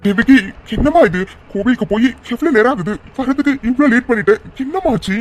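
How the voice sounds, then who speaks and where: A man's voice: very high-pitched, lively intonation, a little fast, over music. A man voicing an anxious, stubborn middle-aged father in a cartoon drama, who repeats his words. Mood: pleading.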